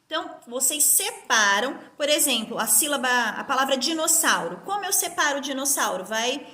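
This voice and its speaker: A woman teaching a recorded lesson to young pupils, explaining clearly and stressing syllables aloud. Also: high voice, lively intonation, moderate pace, pushed and bright. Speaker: schoolteacher. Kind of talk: remote class lesson. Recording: echoey room.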